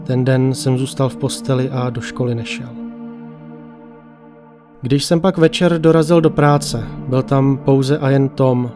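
A man narrating a ghost story in the first person, calm and measured. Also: mid-range voice. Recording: faint music behind.

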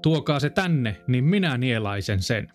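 A man's voice: medium pitch, expressive, faint music behind, close to an everyday voice. A man voicing a hot-tempered, greedy king in a fairy-tale reading. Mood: commanding. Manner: angry then fawning.

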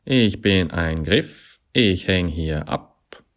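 A man voicing a sarcastic male climbing hold that talks back, dry and mocking, growing into loud accusations. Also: sits low, lively intonation, drawn-out words, full character voice. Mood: deadpan.

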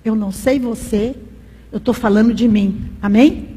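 Husky woman preaching in a reverberant hall. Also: fairly high pitch, steady tone, a little slow, warm tone. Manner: passionate, storytelling. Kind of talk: sermon.

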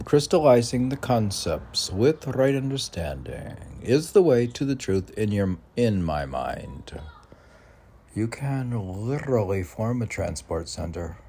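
A man with a deep voice and dark tone and a New York accent recites his own poetry. In between he wanders off into rambling commentary, answering himself with many fillers.

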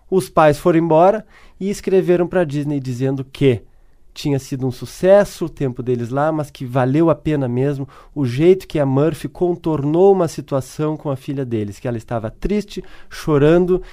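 A man's voice: on the high side, a little mellow. A man with a Brazilian Portuguese accent, a guest speaker on customer service, answering interview questions and telling worked examples. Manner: tells stories and worked examples.

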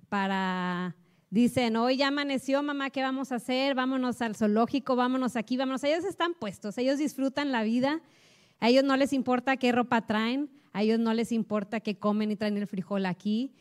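A woman giving a casual devotional talk, fast and chatty, full of family anecdotes. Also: on the high side, clear, resonant tone. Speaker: speaker at a women's church series.

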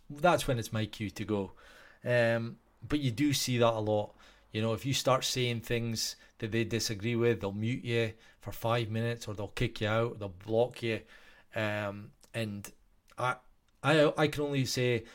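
A man with a Scottish accent talking casually to his viewers in a rambling way, full of restarts and fillers. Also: mid-range voice. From Scotland.

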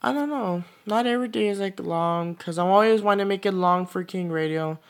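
A sixteen-year-old boy hosts his own podcast in a casual solo monologue, his voice high-pitched and a little fast. He rambles loosely on his own, peppering his talk with "like, you know."

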